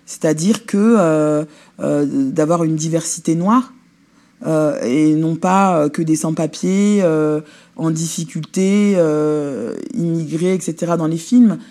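A woman's voice: low voice, slow pace, mellow. A woman actress speaking bluntly and casually in an interview. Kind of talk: documentary interview.

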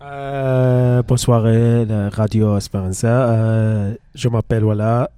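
A mellow-voiced man with an Iraqi Arabic accent answers casually in an interview. His French is broken and halting, built from short fragments. The sound is dry. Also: medium pitch, steady tone, smooth, dry recording. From Iraq. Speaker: musician and singer, interview guest.

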